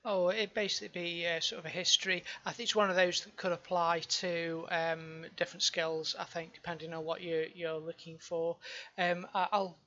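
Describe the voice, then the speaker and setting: A woman's voice: on the low side, level tone, moderate pace, bright, forceful tone, highs cut off. A woman running a tabletop game as game master, narrating and explaining in a hesitant, improvised way.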